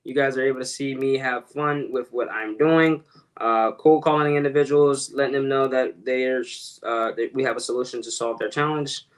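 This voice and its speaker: A man's voice: mid-range voice, low-quality recording. A man talking casually to his viewers as he makes real estate cold calls, rambling and correcting himself as he goes. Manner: rambling, self-correcting, addresses viewers directly. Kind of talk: casual vlog talk to viewers.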